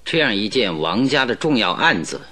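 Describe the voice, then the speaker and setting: Sherlock Holmes, sharp and questioning. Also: male voice, fairly low pitch, very animated, moderate pace, full character voice. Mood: puzzled. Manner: incredulous, challenging questions. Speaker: radio drama actor. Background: music bed.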